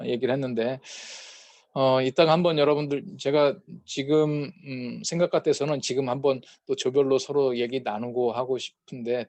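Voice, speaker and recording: Teaching a peacemaking class, a man speaks casually with lots of fillers, acting out brief quoted quarrels to illustrate his points. His voice is mid-range and darkish, and the recording sounds dry and muffled.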